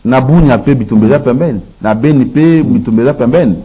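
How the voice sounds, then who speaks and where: A man's voice: mid-range voice, fast talker, dark tone, muffled recording, slight background noise. A Congolese man giving his views as a guest on a political talk show, mixing Lingala and French, emphatic and repetitive when he lists his points. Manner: switches between Lingala and French. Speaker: guest commentator.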